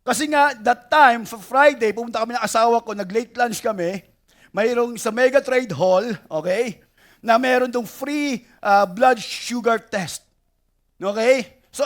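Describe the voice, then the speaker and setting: A man in his forties with a Filipino accent preaching a sermon, emphatic, drawing out quoted verses and telling stories with asides to the congregation. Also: extremely high pitch. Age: 40s. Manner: lively storytelling with laughs and asides to the church. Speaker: pastor.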